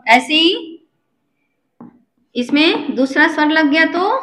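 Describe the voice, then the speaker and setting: A woman's voice: sits high, animated, slow pace, sharp tone, a little hiss or hum. A woman teaching a lesson, patient, often checking whether her listeners understand. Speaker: Sanskrit teacher. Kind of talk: slow classroom lesson. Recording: echoey room.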